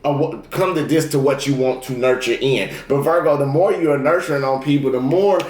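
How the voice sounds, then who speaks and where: With a mid-range, slightly dark voice that runs a little fast, this male tarot reader chats plainly with his audience. He keeps circling back to the same affirmations and cautions, and the sound carries noticeable reverb.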